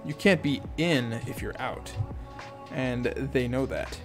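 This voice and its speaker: Over music, an audiobook reader with a mid-range voice reads a first-person novel slowly. His delivery is casual and amateurish, with asides and self-corrections along the way.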